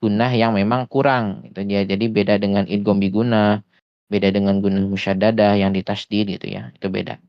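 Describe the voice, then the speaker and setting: A man teaching Quran recitation in an online lesson, explaining patiently with frequent hesitations and slowing down to demonstrate sounds. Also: lowish voice, flat delivery, no room sound, highs cut off. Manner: often slows to demonstrate sounds. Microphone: voice chat headset or desktop mic.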